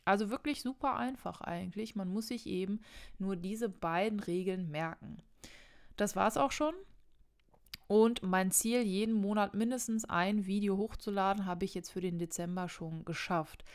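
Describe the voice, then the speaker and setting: A woman's voice: mid-range voice, normal speed, clear, resonant tone. A young woman teaching Spanish in a casual online video lesson, talking straight to the viewer and correcting herself as she goes. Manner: chatty, self-correcting, addresses viewer directly.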